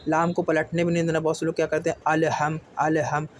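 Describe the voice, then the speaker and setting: Patient, slightly high-voiced male Quran teacher. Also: monotone, a little hiss or hum. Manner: patient, often asks "theek hai?", spells letters slowly. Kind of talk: slow step-by-step recitation lesson.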